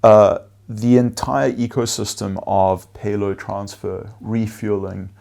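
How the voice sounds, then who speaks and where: This native Afrikaans speaker, a venture investor, responds to interview questions in a measured way, enumerating points and filling pauses often. His pitch is fairly low, his tone steady and darkish, with some vocal fry.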